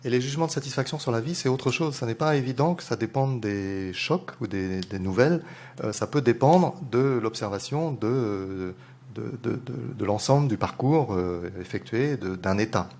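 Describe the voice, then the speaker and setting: A man on a conference panel replies in a measured way, in a mid-range voice. He pauses often and fills the gaps with hesitations as he builds his argument. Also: mid-range voice, a little mellow. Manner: measured, hesitant, many fillers. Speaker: economist panelist. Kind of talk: lecture answer.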